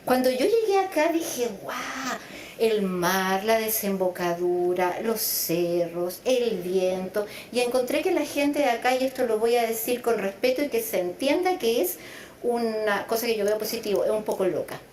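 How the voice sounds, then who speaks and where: With a crowd audible behind her, a middle-aged woman psychologist from Chile, raised in Venezuela, answers interview questions thoughtfully and stretches words to emphasize them. Her voice is fairly high and expressive at a moderate pace, and the recording is reverberant.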